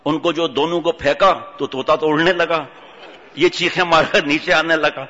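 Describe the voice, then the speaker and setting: A man giving a humorous religious sermon, telling stories and acting out the characters in an animated way. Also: fairly high pitch. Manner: animated storytelling, acts out voices. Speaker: preacher. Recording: dull audio in long-reverb hall.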